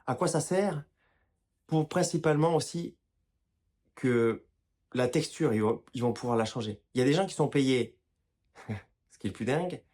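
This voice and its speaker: A health and wellness video creator speaks casually to camera, giving his viewers informal, direct health advice and often restarting his sentences. His mid-range voice is husky with a darkish tone, and he apologizes for his own pronunciation.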